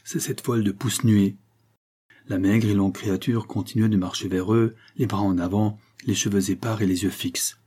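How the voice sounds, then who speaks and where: A man narrating a novel in a measured, dramatic way. His voice is low and dark, with a very husky, breathy texture. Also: flat delivery. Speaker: audiobook reader. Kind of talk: scripted literary narration.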